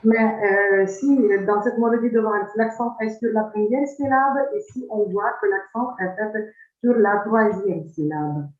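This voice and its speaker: Woman, slow and halting, roomy dull recording. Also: medium pitch. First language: Ukrainian. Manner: hesitant, many pauses and fillers. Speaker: seminar speaker. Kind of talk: academic explanation of a poem.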